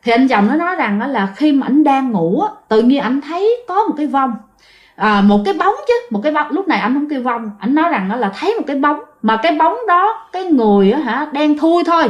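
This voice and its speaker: Brisk and animated, this high-pitched woman tells a ghost story in a Southern Vietnamese accent over lo-fi sound. Her casual telling is full of fillers, and she keeps addressing her listeners directly.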